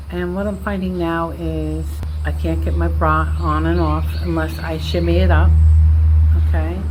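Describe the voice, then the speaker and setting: Woman, sixties, self-deprecating vlogger, lower voice, audible background noise. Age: 60s. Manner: candid, rambling, self-deprecating. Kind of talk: casual personal vlog.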